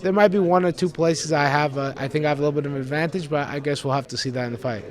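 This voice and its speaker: Earnest young fighter, slightly high voice. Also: male voice, steady tone, rapid-fire. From Greece. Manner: earnest, rambling, repeats words. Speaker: MMA fighter. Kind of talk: pre-fight interview.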